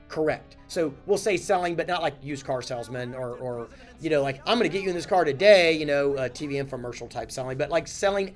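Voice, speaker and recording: A man, a company chief, giving a casual, animated talking-head lesson on handling crises, blunt and self-correcting. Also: a little high. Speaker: company CEO teaching communication.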